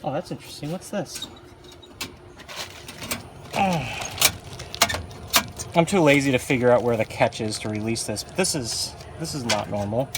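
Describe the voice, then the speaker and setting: A hobbyist who makes videos about arcade machines gives casual, unscripted commentary while handling equipment, often muttering offhand to himself. He speaks at normal speed with a medium pitch and long pauses, over a noisy background.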